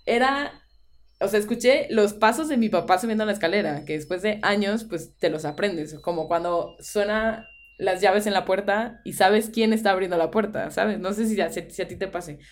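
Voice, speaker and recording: A woman's voice: medium pitch, normal speed. A young woman with a Mexican Spanish accent, co-hosting a podcast and telling a spooky personal story in casual chat, dropping in English phrases. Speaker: podcast co-host.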